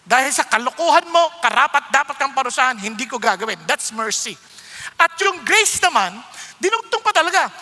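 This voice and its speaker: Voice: sits high, bright, forceful tone. A preacher giving a sermon in an emphatic, conversational way, often quizzing the listeners. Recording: long hall reverb.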